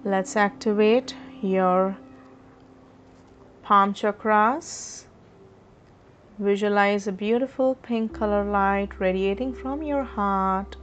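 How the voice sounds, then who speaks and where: A woman leading a guided chakra meditation in a slow, soothing, instructive way. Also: mid-range voice, fairly even intonation, slight background noise. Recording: slightly dull audio with faint music.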